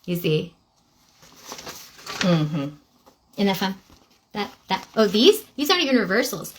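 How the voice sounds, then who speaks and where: A woman's voice: mid-range voice, sing-song, unhurried, slight background noise. A woman hosting a podcast, delivering a sarcastic, indignant monologue straight to her viewers. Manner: sarcastic, indignant, addresses "ladies and gentlemen". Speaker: podcast host.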